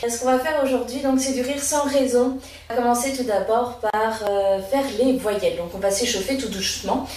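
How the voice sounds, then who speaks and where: A woman's voice: on the high side, fairly even intonation, normal speed, darkish tone, distant mic, a little hiss or hum. Woman leading laughter yoga in an echoey room. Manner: encouraging, leads group exercises with counting and vocal sounds. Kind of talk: guided laughter yoga session.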